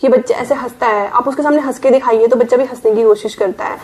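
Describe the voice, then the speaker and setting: Higher-voiced Indian woman giving parenting tips. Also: steady tone, fast talker, darkish tone, husky. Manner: explanatory, mixes English words into Hindi. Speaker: parenting vlogger, working mother. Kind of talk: casual advice talk.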